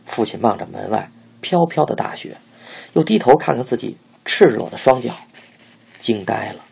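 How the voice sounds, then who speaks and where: A man reading a memoir aloud in an expressive storytelling manner. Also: medium pitch, normal speed, gravelly, breathy edge. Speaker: audiobook narrator.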